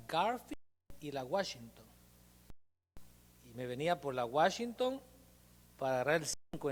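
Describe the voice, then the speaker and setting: A man preaching a sermon as pastor, telling a personal testimony in an animated storytelling way. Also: a little high. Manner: animated storytelling, acts out quotes. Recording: long reverb of a church hall.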